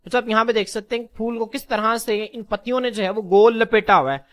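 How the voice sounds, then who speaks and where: High-voiced teacher drilling terms. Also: male voice, a bit bright. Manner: keeps calling listeners "children", asks and answers his own questions; repeats key terms slowly for students to echo. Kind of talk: classroom lecture.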